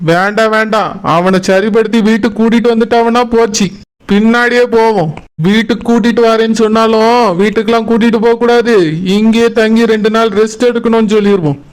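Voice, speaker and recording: A high scheming village father. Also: level tone, brisk, clear, resonant tone. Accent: Kanyakumari Tamil. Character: scheming middle-aged village father who drinks.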